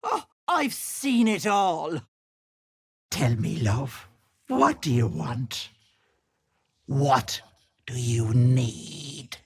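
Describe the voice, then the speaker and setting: An actress playing a sinister old hag who poses as a kindly auntie in a video game, cooing mocking endearments in a theatrical way. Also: female voice, rumbling low, big pitch swings, drawn-out words, long pauses, a little mellow, husky, full character voice. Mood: folksy, knowing, then taunting, cajoling. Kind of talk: video game character acting.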